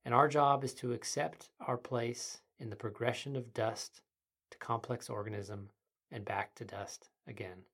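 A medium-pitched, husky voice leads a guided meditation as host. The delivery is soft and soothing, with breathy tone and measured phrases that leave room to pause. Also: fairly even intonation.

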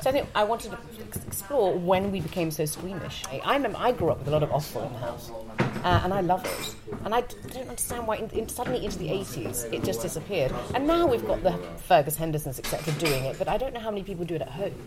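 A woman's voice: on the low side, very animated, fast, a crowd in the background, low-quality recording. A woman in her fifties, a food columnist chatting casually and opinionatedly. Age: 50s. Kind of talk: casual chat.

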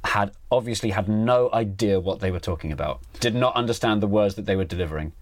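A man, a guest comedian, chatting on a podcast with deadpan, absurd jokes. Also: on the low side, fast, dry recording. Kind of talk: casual podcast chat.

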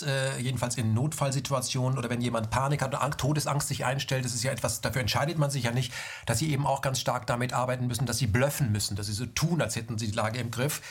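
A man's voice: mid-range voice, husky. A man interviewing a doctor, asking probing, thoughtful questions.

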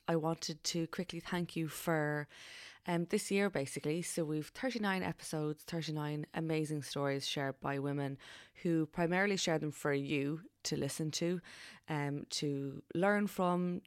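A woman's voice: low voice, clear, resonant tone, no echo, clean studio sound. An Irish woman hosting a podcast, talking in an earnest, informal way. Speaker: podcast host. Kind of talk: podcast introduction and interview.

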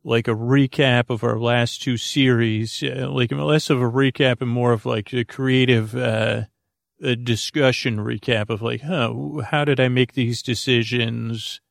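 This bedtime podcast host has a strongly creaky, gravelly voice at a middling male pitch, and his improvised talk rambles, stalls and goofily wanders onto tangents. The tone stays steady, and the sound is dry and close.

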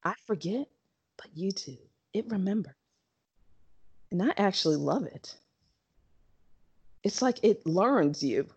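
Animated husky woman chatting. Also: medium pitch. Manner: animated, laughs often, quick asides. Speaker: podcast co-host. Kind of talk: casual chat.

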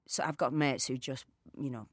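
A woman's voice: very deep voice, normal speed, breathy edge, no room sound, clean studio sound. A woman with a Northern English accent, a guest actor in casual chat, self-deprecating and chatty. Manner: chatty, self-deprecating, slips into lively quoted voices.

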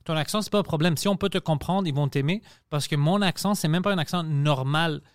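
A man's voice: fairly high pitch, fairly quick, clean tone, dry recording, studio quality. A man speaking French with a Greek accent, a comedian hosting a casual podcast chat and slipping into English mid-sentence.

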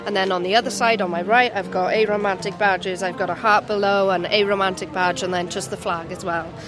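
A woman's voice: mid-range voice, steady tone, a little fast, a crowd in the background. A woman in her twenties with a South Wales Valleys accent, chatting casually in an interview. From Merthyr Tydfil, south Wales. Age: 20s. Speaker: Pride attendee being interviewed. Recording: outdoor event with music behind. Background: music at an outdoor event.

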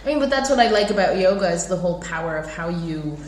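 A young adult woman in casual chat, talkative and quick to laugh. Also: fairly low pitch. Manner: chatty, laughs often, animated. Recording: echoey room, faint background noise.

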